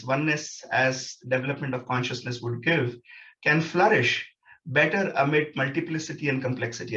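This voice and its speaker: A man's voice: fairly high pitch, fairly bright tone, highs cut off. A man giving a reflective academic conference talk, building his points in lists. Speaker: researcher presenting.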